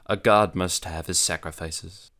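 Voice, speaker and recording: A man voicing a languid, worldly young noblewoman who speaks of dread in a calm, matter-of-fact way for an audiobook. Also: low-pitched, measured pace, heavily acted. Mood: ominous. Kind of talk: audiobook character voice.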